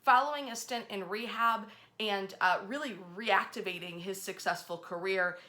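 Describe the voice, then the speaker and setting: As host and local history storyteller, this woman speaks at a moderate pace in a mid-range voice that sounds bright and forceful. Her informal telling is dramatic and chatty, full of emphatic turns of phrase.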